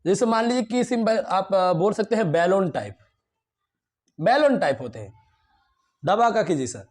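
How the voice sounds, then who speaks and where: High-voiced man teaching biology. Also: very animated, moderate pace, darkish tone. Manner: explains with questions he answers himself. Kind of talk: classroom lecture to students.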